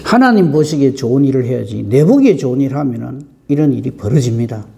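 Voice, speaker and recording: A man preaching a dawn service sermon in a lively, folksy way, full of rhetorical questions. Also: medium pitch, fast talker, creaky. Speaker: pastor.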